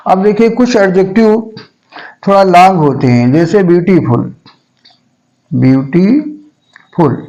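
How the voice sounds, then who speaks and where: A male teacher giving a grammar lesson, saying each word slowly and repeating it several times so students can follow. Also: high-pitched, mellow, dull audio.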